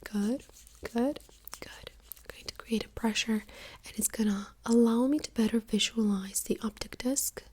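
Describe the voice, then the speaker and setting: A woman doing a whispered role-play as a doctor in a soft-spoken ASMR exam, gently giving step-by-step instructions in a breathy whisper. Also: a little high, steady tone, a little slow.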